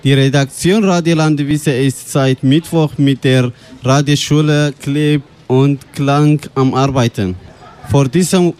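A man's voice: fairly high pitch, a little mellow. Young man from Eritrea presenting radio. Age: 20s. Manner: plain, careful read-aloud delivery in short sentences. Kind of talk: reading a scripted radio introduction. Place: small radio studio at a festival.

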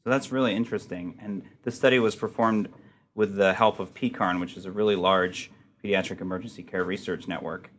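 A man interviewing a doctor, a medical fellow asking brisk, friendly questions. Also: low voice, fairly even intonation, fairly bright tone.

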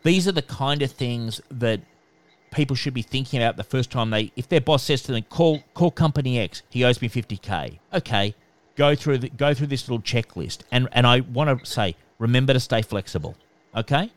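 Nasal-voiced male expert, even and instructive, dry studio sound. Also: medium pitch, brisk, dry recording. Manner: calm, instructive, repeats "okay". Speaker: debt collection expert. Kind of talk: podcast interview answers.

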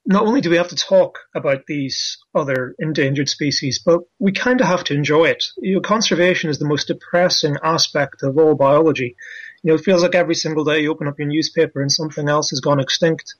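A man's voice: fairly high pitch, fast talker. A man, a science presenter, chatting enthusiastically and explaining things in a casual interview over the phone. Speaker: science presenter and comedy night organiser. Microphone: telephone. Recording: dull phone line.

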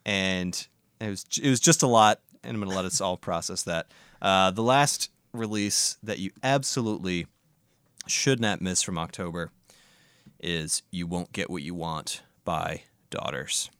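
Low-voiced, crisp casual podcast host. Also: male voice, unhurried, a bit bright, no echo, studio quality. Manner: enthusiastic, profane, rambling. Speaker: podcast host, music reviewer.

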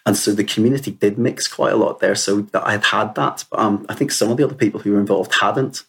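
Talking fast, this fifties-aged man with a Northern Irish accent has a low voice that's creaky with a breathy edge. He shares personal stories as an interview guest, earnest and conversational, often saying "you know" while reflecting on his life.

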